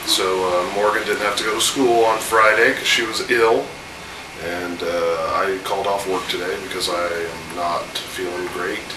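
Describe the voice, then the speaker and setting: A man in his thirties with a head cold hosts a casual home video chat, rambling loosely with plenty of fillers, his voice a little off. He speaks deeply, steadily and unhurriedly, far from a mic set back in an echoey room with AC hum.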